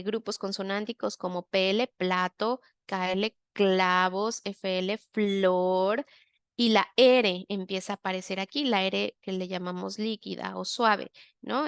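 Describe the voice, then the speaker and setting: Woman therapist explaining, clear and dry. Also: medium pitch, fairly bright tone, no room sound. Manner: explains step by step, often checks in with "¿no?". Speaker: language therapist. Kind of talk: explanatory masterclass.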